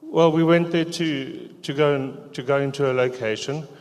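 Halting man, middle-aged. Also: mid-range voice, steady tone. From South Africa. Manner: halting, hesitant, quiet. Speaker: church member giving testimony. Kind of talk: personal testimony in church. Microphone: handheld microphone. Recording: echoey church hall.

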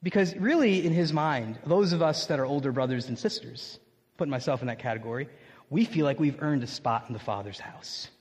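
Guy preaching super casual and animated, pretty high voice, church hall echoing all around. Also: a little fast, husky. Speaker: pastor. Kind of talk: sermon.

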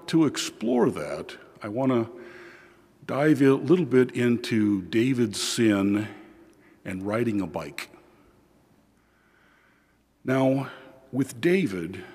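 Male priest preaching slow and deliberate, bit of a husky voice, big echoey cathedral reverb. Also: medium pitch, warm tone. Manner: measured, deliberate delivery with pauses. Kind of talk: Gospel reading and homily. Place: large church, indoors. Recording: long cathedral echo, large hall.

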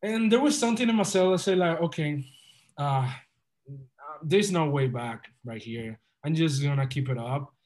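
A man's voice: fairly high pitch, moderate pace, a little mellow. A young man from the Republic, telling his story as a podcast guest in an earnest, upbeat, motivational way. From Dominican Republic. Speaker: guest entrepreneur. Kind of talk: casual podcast interview.

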